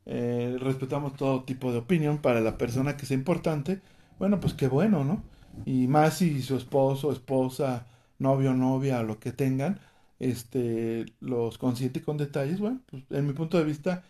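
A man's voice: medium pitch, fairly even intonation, moderate pace, dark tone. A man with a Mexican accent hosting a casual chat, prompting with questions and dropping joking quips. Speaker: host.

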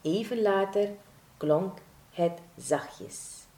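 A woman reading a children's story aloud in a gentle, measured way. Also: mid-range voice, lively intonation. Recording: roomy echo.

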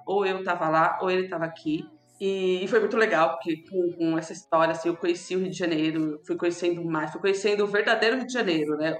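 A young woman from São Paulo with a São Paulo accent tells a personal story in an animated, emotional way, trailing off with fillers. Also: on the low side. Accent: São Paulo Portuguese. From São Paulo, Brazil. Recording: roomy echo, faint background music.

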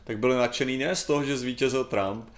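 A man co-hosting a casual chat show, rambling and hesitant with many fillers. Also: mid-range voice. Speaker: podcast co-host.

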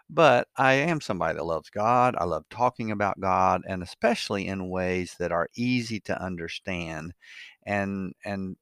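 A man's voice: low-pitched, fairly bright tone, dry recording, clean studio sound. An older man hosting a podcast, introducing it casually in a reflective, conversational and slightly hesitant way. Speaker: podcast host.

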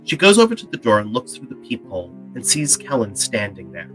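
A man's voice: lowish voice, very animated, fairly quick, poor audio. A man delivering scripted dramatic narration for an audio drama, with music behind him. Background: background music.

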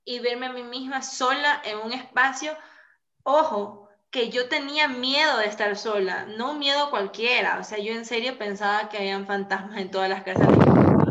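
A woman in her twenties telling her story in a casual podcast chat over a video call, animated and full of fillers. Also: on the high side. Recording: echoey lo-fi call audio.

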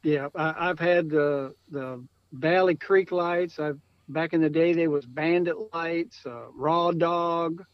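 High-voiced hunter guy rambling about old lights, laughs a lot, muffled dry recording. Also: slow pace, clear, resonant tone, no echo. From Michigan. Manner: rambling, repeats words, laughs often. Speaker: podcast guest, coon hunter. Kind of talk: casual chat.

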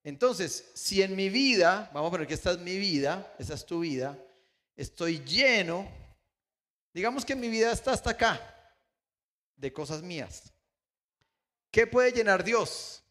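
A man preaching a sermon as pastor, retelling stories and acting out the dialogue in lively voices. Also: sits high, moderate pace. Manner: animated storytelling with acted-out dialogue.

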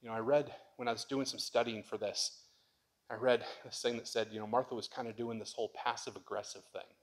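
A male pastor delivers a sermon in a conversational manner, his medium-pitched voice staying steady and moving a little fast. When he reads scripture or pleads, he rises into loud, impassioned lines.

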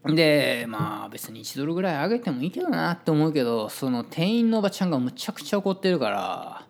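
A man's voice: on the high side, big pitch swings, quick pace, creaky. A man with a Kansai Japanese accent telling a story in a casual, chatty monologue and acting out the voices of people he quotes.

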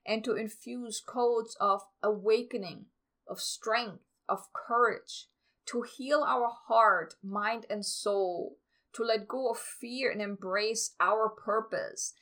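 A woman guiding a meditation in a calm, soothing, meditative manner, as a spiritual podcast host. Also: medium pitch. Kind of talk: guided meditation.

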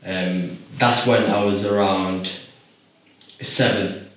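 Iraqi-born guy in his 20s, lowish voice, thoughtful and slow to answer, lots of ums, far off the mic in a very echoey room. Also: steady tone, fairly bright tone. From Iraq. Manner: measured, reflective, pauses with ums. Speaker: podcast guest. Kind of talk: casual interview.

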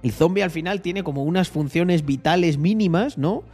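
A young man with a Spanish accent talks straight to his stream chat, punchy and emphatic, doubling up his words. Soft music plays faintly behind him. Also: high voice, moderate pace, slightly rough. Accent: Spain. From Spain. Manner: emphatic, repeats words, swears freely. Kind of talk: casual livestream monologue.

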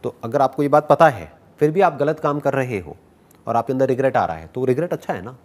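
A man giving a motivational talk and answering audience questions, animated and playfully teasing, mixing English phrases into Hindi. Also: medium pitch, brisk.

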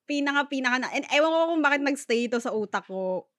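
A woman co-hosting a casual podcast chat, telling stories in an animated, chatty way with a Filipino accent. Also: sits high, fast, no room sound, studio quality. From Philippines. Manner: animated, chatty storytelling with frequent fillers. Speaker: podcast co-host.

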